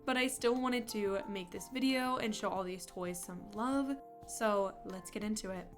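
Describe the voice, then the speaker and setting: A toy collector vlogger in her twenties, her medium-pitched voice congested from a cold, chats fondly and upbeat at a moderate pace while reviewing toys. Soft music plays in the background of this casual review vlog.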